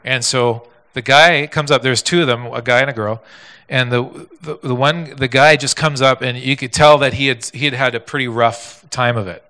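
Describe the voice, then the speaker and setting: Bright-voiced pastor preaching. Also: male voice, mid-range voice, normal speed, few pauses. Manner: animated, repetitive, with many restarts. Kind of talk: sermon storytelling.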